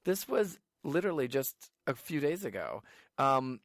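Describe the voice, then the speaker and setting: A man's voice: mid-range voice, very animated, normal speed, fairly bright tone, no room sound, clean studio sound. A young man with a Michigan American accent, co-hosting a casual pop culture podcast in a playful, bantering way. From Michigan, United States. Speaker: podcast co-host.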